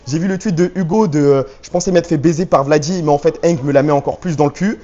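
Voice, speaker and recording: A man's voice: a little high, fast, mellow, highs cut off. A man live streaming on a handheld phone rig, bantering in slang with his viewers and reading their chat messages aloud. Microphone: handheld phone rig with stabilizer.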